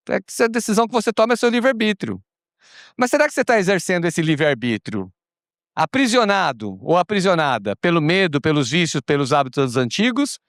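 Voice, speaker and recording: A Brazilian man speaking on a conference panel, expressive and acting out little dialogues with casual swearing. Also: sits high, no room sound, clean studio sound. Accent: Brazilian Portuguese. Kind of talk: animated panel talk. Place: conference stage.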